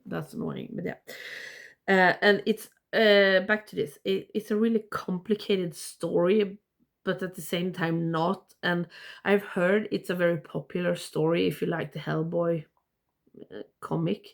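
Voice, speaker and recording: A woman with a blocked nose giving a casual video review, rambling and haltingly, often interrupting herself. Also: on the low side, fairly even intonation, creaky. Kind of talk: casual ranking review to camera.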